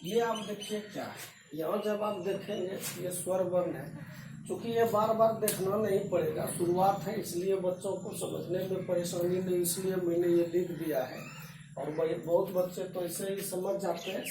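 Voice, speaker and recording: A man's voice: high-pitched, background noise. A man teaching an English grammar lesson at a board, explaining patiently and repeating himself with rhetorical questions to his students. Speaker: English tutor. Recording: roomy echo, voice from a distance.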